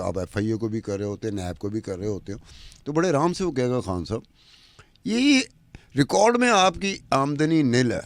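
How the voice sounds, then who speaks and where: A man's voice: medium pitch, dry recording. Male podcast commentator, mid-range voice, dry close sound, argues through rhetorical questions. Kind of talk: argumentative podcast talk. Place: studio with a woman anchor.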